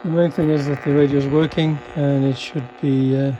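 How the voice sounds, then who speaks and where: Casually demonstrating a vintage car radio he has repaired, this electronics enthusiast speaks without a script in a tentative, understated, technical style. His fairly high voice is level and brisk; the audio has its highs cut off and carries background noise.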